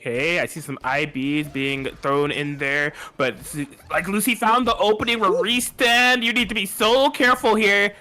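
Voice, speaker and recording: Dude co-casting a fighting game bracket, kinda high bright voice, super casual and hyped. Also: male voice, normal speed, few pauses. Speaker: esports co-commentator. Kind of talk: fighting game color commentary.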